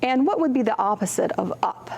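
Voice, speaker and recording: The sound is lo-fi with slight background noise, and the woman's gravelly voice sits on the high side as she reads fairly quickly. She's a librarian hosting storytime, expressively reading picture books, acting out contrasts, and posing simple questions to young listeners.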